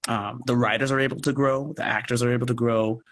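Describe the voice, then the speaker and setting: Over a noisy live video call, a man who produces for a theatre company speaks as a guest at a quick pace, his medium-pitched, fairly bright voice keeping fairly even intonation. Enthusiastic and emphatic, he chats casually, frequently restarting and adding asides.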